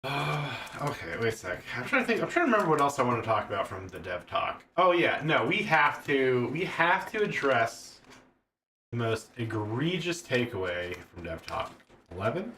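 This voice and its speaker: A man's voice: mid-range voice, very animated, normal speed, pushed and bright, distant mic, a little hiss or hum. An American man in casual chat, rambling and hesitant, often restarting his sentences. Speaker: podcast co-host. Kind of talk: casual chat about card games.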